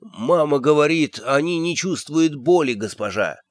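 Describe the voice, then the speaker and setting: A man's voice: on the high side, lively intonation, unhurried, dry recording, clean studio sound. A man voicing a nervous young male servant who speaks weakly and timidly. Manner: weak, timid.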